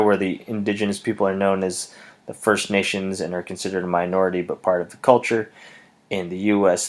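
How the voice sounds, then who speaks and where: A young man from Wisconsin reading out questions and answering them casually, with many pauses, ums and restarts. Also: sits low. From Wisconsin, USA. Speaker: language student answering questions.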